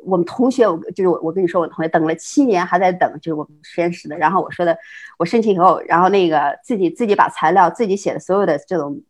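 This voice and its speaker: A middle-aged woman from China, a guest telling her life story in casual conversation, quick and full of restarts and laughs. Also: fairly low pitch. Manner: fast, with many repeated words and restarts, frequent laughs. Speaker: interview guest.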